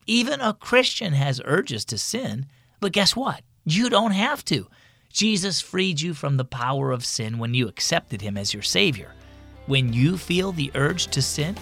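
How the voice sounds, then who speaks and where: A man hosting a children's devotional program, reading scripted stories in an animated storyteller manner. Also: on the high side, gravelly, slightly rough, dry recording. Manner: animated storyteller voicing characters. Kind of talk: scripted storybook narration for kids.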